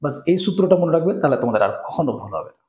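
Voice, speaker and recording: A man's voice: fairly high pitch, very animated, dark tone. Man patiently explaining grammar, echoey room. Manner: explains step by step, often asks "right?"; reads example sentences slowly and deliberately. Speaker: English grammar teacher. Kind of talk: exam-prep grammar lesson.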